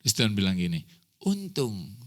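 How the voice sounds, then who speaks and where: A man's voice: fairly low pitch, very animated, moderate pace. A man preaching a sermon as pastor, telling a personal story with acted dialogue, close to tears.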